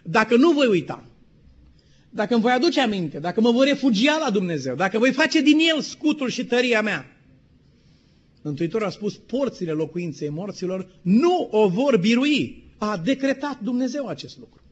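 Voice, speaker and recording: A middle-aged male pastor from Romania preaches a sermon in a fairly high voice, telling stories and putting questions to his listeners. He slows down to read quotations. The recording is dull and lo-fi. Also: very animated.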